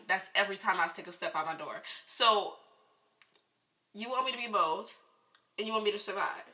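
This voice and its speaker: Bright, dramatic young woman vlogger. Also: mid-range voice, rough recording. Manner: dramatic, exaggerated, laughing asides. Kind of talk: casual comedic monologue to camera.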